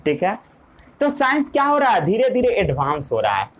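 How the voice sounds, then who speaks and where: A woman's voice: mid-range voice, huge pitch swings, moderate pace, rough recording. A woman teaching a science class, asking questions and repeating the key words.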